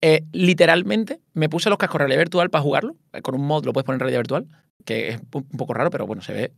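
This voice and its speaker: Guy streamer on a call, talks super fast, fairly high voice, dry sound, lots of swearing. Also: creaky, dry recording. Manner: swearing, animated and self-mocking. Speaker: streamer and interview guest. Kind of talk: casual interview chat.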